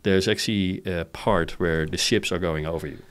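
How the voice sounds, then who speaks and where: Speaking at a moderate pace, a man from the Netherlands with a low, clear, resonant voice talks casually as an interview guest. The company founder explains in short, informal spurts that often close with a checking question.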